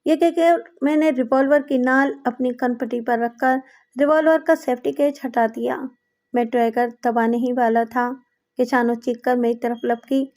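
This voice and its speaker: A woman with a high voice reads a crime story aloud in a dramatic storytelling manner. Her delivery is that of scripted audiobook narration. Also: fairly even intonation, a little mellow.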